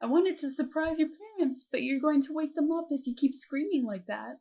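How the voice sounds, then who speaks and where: A woman's voice: high voice, a little fast, mellow, voice pushed up. A woman reading aloud as a playful, prying aunt who teases her niece about boys, in an affectionate, nosy manner. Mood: chiding. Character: teasing, nosy adult aunt.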